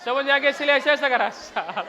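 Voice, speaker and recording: A man's voice: very high voice, normal speed, pushed and bright, some chatter behind. A male physics teacher running a rowdy class, scolding and teasing his students in crude slang between dictated questions. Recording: lo-fi classroom recording in a reverberant room.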